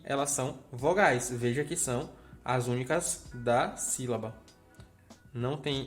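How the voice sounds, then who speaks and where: A man teaching a grammar lesson, explaining step by step and checking in with the viewer. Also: medium pitch.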